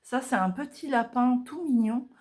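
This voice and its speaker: A woman's voice: on the high side, lively intonation, moderate pace, a little mellow. A woman vlogger talking casually through her art journal pages at home, chatty and hesitant, with many fillers.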